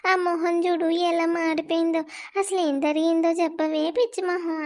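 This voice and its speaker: A performer voicing a sharp-tongued village mother-in-law in an animated drama, scolding and cursing. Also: very high voice, moderate pace.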